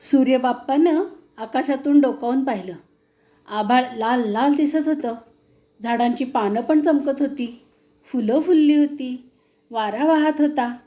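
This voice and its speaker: A woman telling a children's story in a gentle, expressive way. Her voice is high and mellow, and she takes her time over every line. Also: unhurried.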